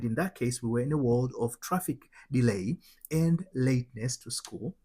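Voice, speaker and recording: Hosting as a spiritual transformation coach, a man from Tanzania speaks with a Tanzanian accent in a mellow, medium-pitched voice with a breathy edge. His motivational spiritual teaching is emphatic and repetitive, built on rhetorical questions.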